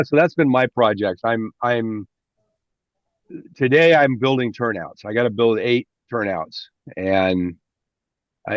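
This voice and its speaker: A man's voice: medium pitch, dry recording. A man hosting a hobby meetup, chatting casually on a video call and telling stories with frequent restarts. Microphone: video call microphone. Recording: dull lo-fi dry call audio.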